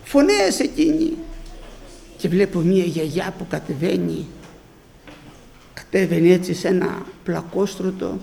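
An older man preaching, telling a personal story in an animated way and acting out the shouting voices of the people in it. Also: high voice, creaky, pauses often, a little hiss or hum.

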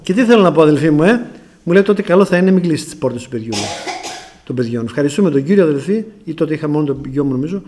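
A man's voice: fairly high pitch, animated, a little mellow, slight background noise. A middle-aged Greek man from Greece preaching a testimony sermon, telling a story and often calling out to the brothers.

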